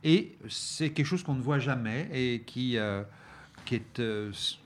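A man's voice: medium pitch, a little slow. A man reviewing DVDs on a talk show, speaking with many hesitations, fillers and restarts. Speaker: film reviewer presenting a DVD selection. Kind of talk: radio-style review chat.

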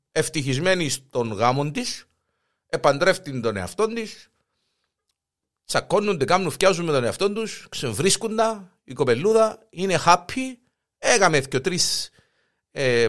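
A man's voice: fairly high pitch, a bit bright. A man with a Cypriot Greek accent hosting a jokey gossip news segment, storytelling with animation. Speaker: host. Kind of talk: comic gossip news chat.

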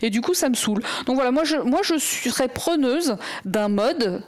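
A woman's voice: high-pitched, lively intonation, moderate pace. A woman co-hosting a podcast in casual chat, rambling with many fillers and restarts. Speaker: podcast co-host.

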